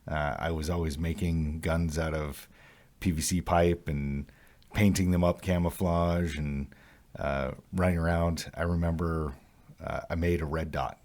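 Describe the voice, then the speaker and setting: A man from Utah and California co-hosting a casual podcast, talking haltingly and self-deprecatingly with many fillers. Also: very deep voice, fairly even intonation, darkish tone. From Utah and California, USA. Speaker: podcast co-host.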